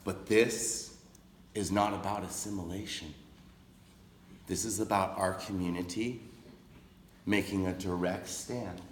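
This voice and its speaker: Male public speaker, lowish voice, very measured pace, solemn and earnest, echoey hall with faint ambience. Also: fairly even intonation, a little hiss or hum. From raised on a reservation in the United States. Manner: slow, deliberate, solemn delivery with long pauses. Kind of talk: impassioned public speech.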